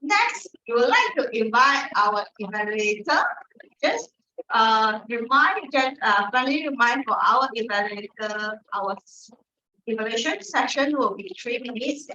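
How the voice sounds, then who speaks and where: A woman's voice: a little high, lively intonation, unhurried, bright, forceful tone. A woman with a Malaysian accent speaking informally at a club meeting in colloquial Singlish-style English, on a dull recording. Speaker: toastmasters meeting speaker and host. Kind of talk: informal club speech and hosting. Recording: dull, lo-fi sound.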